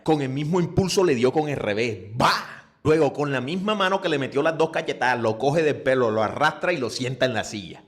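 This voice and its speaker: A man, a former teacher telling comic school stories with crude slang and exaggerated punchlines. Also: mid-range voice. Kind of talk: comic storytelling.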